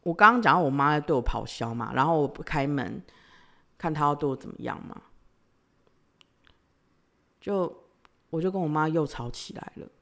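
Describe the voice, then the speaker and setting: A woman, hosting a podcast and telling a personal story, swinging between loud outbursts and quiet sighs. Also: low voice, expressive, moderate pace, creaky, pauses often. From Taiwan. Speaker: podcast host.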